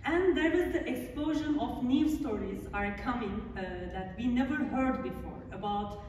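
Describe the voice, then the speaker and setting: A woman with a Turkish accent giving a public lecture in an art gallery, speaking earnestly with many filler sounds and halting phrases. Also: fairly high pitch, expressive, darkish tone, a little hiss or hum. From Turkey. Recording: echoey gallery hall from far off.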